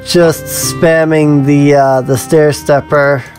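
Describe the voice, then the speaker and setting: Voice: medium pitch, level tone, slow pace. A let's play host giving casual gameplay commentary, musing aloud a little hesitantly. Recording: game music behind the voice. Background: video game music with plucked guitar.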